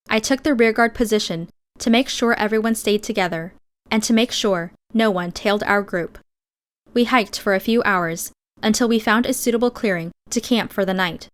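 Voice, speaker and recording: In a smooth, medium-pitched voice, a female audiobook narrator tells a first-person story with measured expression.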